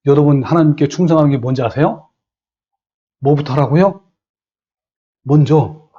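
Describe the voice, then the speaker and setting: A middle-aged man preaching a sermon as a pastor, animated, acting out quoted speech and putting questions to the congregation. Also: fairly high pitch, normal speed, breathy edge, muffled recording.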